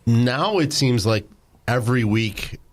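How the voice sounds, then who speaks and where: A man's voice: medium pitch, lively intonation, slow, slight background noise. A man co-hosting a podcast, chatting casually and bluntly, with frequent restarts. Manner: blunt, confident, many restarts. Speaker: podcast co-host. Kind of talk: casual chat.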